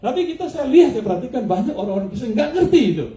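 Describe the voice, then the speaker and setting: A male pastor preaches with a high, warm voice that leaps up and down with energy. He keeps quizzing his listeners, laughs often, and slips English words into his speech. The sound carries a roomy echo. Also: rapid-fire. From United States. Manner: lively, questions the congregation, laughs often. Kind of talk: sermon.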